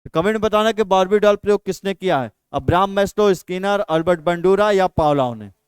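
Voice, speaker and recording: A man's voice: high voice, expressive, fairly quick, clean tone, no echo. A man teaching an exam practice lesson, repeating each question and then answering it himself.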